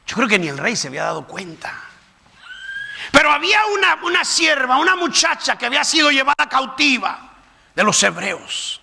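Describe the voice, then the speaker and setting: A man's voice: very high voice, very animated, moderate pace, gravelly, pushed and bright, in a large hall. A man preaching a fervent sermon in a church, recorded live. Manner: fervent preaching, voices the people in the story. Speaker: pastor. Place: church sanctuary.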